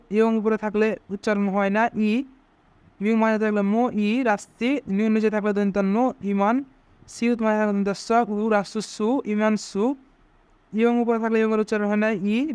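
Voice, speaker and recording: A man's voice: sits high, darkish tone, clean tone, dry recording. A man teaching pronunciation step by step, breaking each word into single sounds and repeating them. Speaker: language teacher. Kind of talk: slow step-by-step pronunciation lesson.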